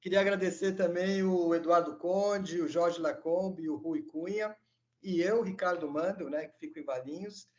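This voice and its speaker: A Brazilian man with a Brazilian Portuguese accent hosts a podcast, thanking his guest and signing off in an upbeat tone. His voice is quite high for a man. The audio sounds dull and lo-fi. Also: moderate pace, a little mellow. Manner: upbeat, polite sign-off. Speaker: podcast host. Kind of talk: podcast hosting, wrap-up.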